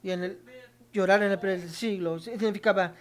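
Preacher, mid-pitched, sermon with scripture reading; emphatic repetition, talks straight to the congregation. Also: fairly even intonation, normal speed. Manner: emphatic, repeats key phrases for stress; addresses the congregation directly.

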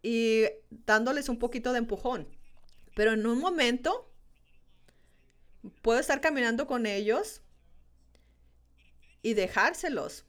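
Higher-voiced woman preaching conversationally. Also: unhurried, pauses often, fairly bright tone. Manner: conversational preaching, talks straight to the congregation; repeats phrases for emphasis. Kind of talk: sermon.

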